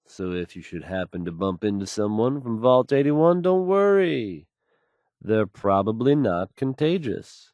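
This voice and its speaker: A video game actor voices a suave, wry radio newsman who reads scripted news with smooth, polished, folksy confidence and an easygoing, assured air. His lowish voice is a little mellow and very animated, though never hurried. The audio is dull but free of echo.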